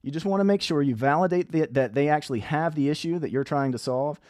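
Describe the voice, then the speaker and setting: A man's voice: fairly high pitch, quick pace, darkish tone, no room sound, studio quality. A man coaching viewers on landing clients. He talks bluntly and casually, and acts out sample conversations. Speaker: online business coach. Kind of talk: direct-to-camera coaching talk.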